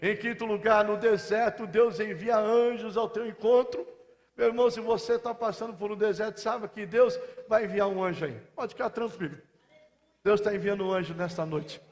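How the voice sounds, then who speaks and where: Fervent Brazilian pastor in a reverberant church. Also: male voice, high-pitched, fairly even intonation, moderate pace. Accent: Brazilian Portuguese. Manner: fervent, swings from soft and intimate to loud shouting. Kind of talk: sermon. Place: large church hall. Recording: long church hall reverb.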